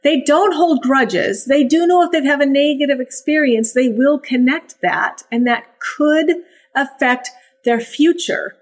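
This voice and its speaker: Woman, fairly high voice, animated, casual podcast chat, sing-song praise. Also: a little slow. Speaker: puppy breeder and trainer.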